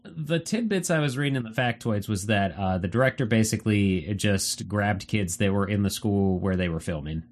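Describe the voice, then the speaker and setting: A man co-hosting a casual movie review podcast, relaxed, reading from his notes and laughing easily. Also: fairly low pitch, moderate pace, few pauses. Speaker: podcast co-host.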